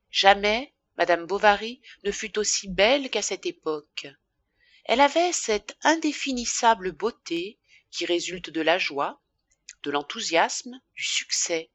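A woman narrating a classic novel for an audiobook in an expressive, measured reading. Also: mid-range voice, no echo.

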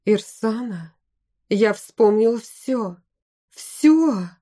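Woman doing young bearded craftsman, friendly, amnesiac, mellow audiobook voice. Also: fairly high pitch, expressive, extremely slow, heavily acted. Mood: overjoyed. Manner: warm hospitable greetings.

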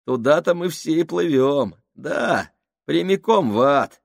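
A man voicing an unhinged male crewman who rants and giggles in a high, trembling way. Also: lively intonation, slow pace, vocal fry, dry recording, clean studio sound, heavily acted. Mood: ranting.

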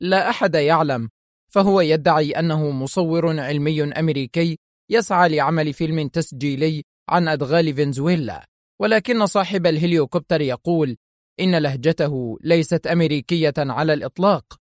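A man voicing a tense male henchman who answers quickly and obediently. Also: a little high, no echo, studio quality, natural voice.

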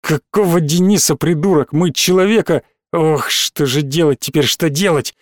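A man reading a story aloud, voicing a rough blond teenage bully who talks in curt, bossy bursts. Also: a little high, normal speed, no room sound, clean studio sound, lightly acted. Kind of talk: audiobook character voice.

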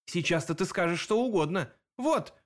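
A man reading an audiobook, voicing a sly, mocking male demon investigator who talks quickly. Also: high-pitched, sing-song, pitched above the performer's own voice. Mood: probing.

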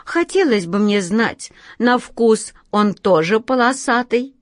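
A woman's voice: fairly high pitch, slow pace, dry recording, studio quality, pitched above the performer's own voice. A woman reading a storybook, voicing a sly, predatory female yard cat with a smug, purring, teasing manner. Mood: curious.

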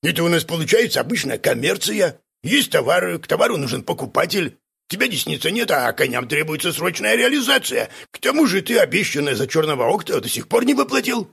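A man's voice: on the high side, big pitch swings, brisk, creaky, a bit bright, breathy edge, pitched above the performer's own voice, heavily acted. A man voicing a sly, self-important male swindler who talks in a wheedling way. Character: sly big-eared male swindler, smooth-talking.

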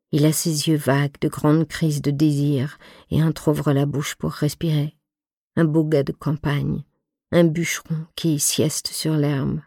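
Woman with a low, slow, warm voice. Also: dry recording, clean studio sound. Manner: intimate, measured, reflective. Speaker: audiobook reader. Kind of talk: literary narration in first person.

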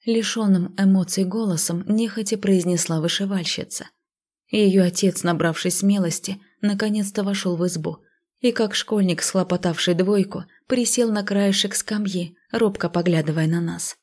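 A woman reading a fantasy audiobook in the first person, lively and gently ironic. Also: mid-range voice, normal speed. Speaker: audiobook narrator.

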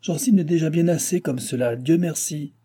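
Exasperated old king, read by a man, dark husky voice, storybook. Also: fairly high pitch, normal speed, voice pushed up. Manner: exclaiming, exasperated. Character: aging king, evasive and irritable. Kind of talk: audiobook reading.

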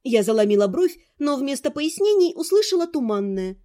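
A woman calmly narrating a first-person fantasy audiobook. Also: sits high, brisk.

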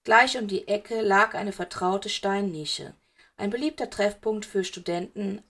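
Woman reading a story aloud, steady. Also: mid-range voice. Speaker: audiobook reader. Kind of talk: reading fan fiction aloud.

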